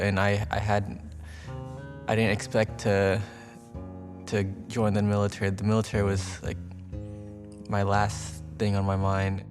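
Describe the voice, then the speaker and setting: A man's voice: fairly low pitch, a little mellow. A man in his twenties from Texas, a Navy veteran, speaking earnestly in a documentary interview with small restarts. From Texas, United States.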